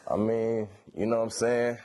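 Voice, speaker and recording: A man's voice: lowish voice, little pitch movement, moderate pace, mellow. A thirty-year-old man, talking in a stoned, laid-back slangy drawl in a casual interview. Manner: stoned, laid-back slangy drawl with frequent "you know what I'm saying". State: high on weed. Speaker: R&B singer being interviewed.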